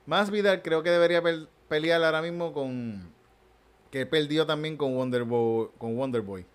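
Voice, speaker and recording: A man's voice: on the high side, moderate pace, smooth. A man with a Puerto Rican accent chatting casually about MMA fights as a podcast co-host, rambling and repeating his words. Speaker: podcast co-host, improv comedian.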